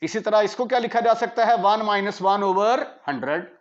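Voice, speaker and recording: A man with a Pakistani accent teaching maths in a classroom lecture, mixing Hindi-Urdu with English terms and asking students quick checks. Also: sits high. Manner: asks students rhetorical checks. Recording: dull lo-fi lecture audio.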